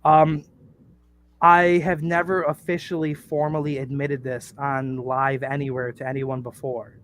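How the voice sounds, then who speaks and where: A man's voice: medium pitch, flat delivery, a little slow, a bit bright, a little hiss or hum. A man chatting casually on a podcast, rambling with lots of "uh" and "like". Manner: rambling, fills with "uh" and "like". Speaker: podcast cast member. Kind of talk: casual chat.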